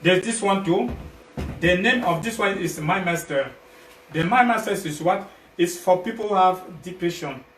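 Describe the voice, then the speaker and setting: A high-pitched, slightly bright voice belongs to a Cameroonian man, a health product sales partner guest-presenting an informal livestream pitch. He halts often, repeating himself and rephrasing phrases several times, in a Cameroonian accent. An echoey, noisy, distant livestream mic captures him.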